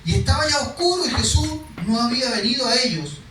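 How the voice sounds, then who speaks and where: Preaching quickly in a very high, sharp voice with lively intonation, a man reads from scripture and then talks through it casually, at times voicing the people's cries in the story. The distant mic in the echoey hall picks up a little hiss or hum.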